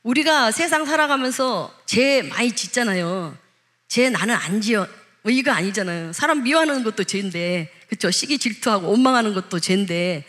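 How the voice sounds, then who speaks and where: A woman's voice: a little high, a bit bright. A woman pastor delivering a sermon in a conversational way. She asks the congregation questions and acts out the lines she quotes. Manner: acts out quoted speech in changed voices.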